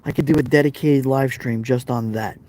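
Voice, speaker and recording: This middle-aged man's medium-pitched voice is brisk, a little mellow, with fairly even intonation, and the audio is poor. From Brooklyn, New York, with a Brooklyn accent, he hosts a chatty live stream, reading viewer comments, addressing viewers directly and repeating phrases.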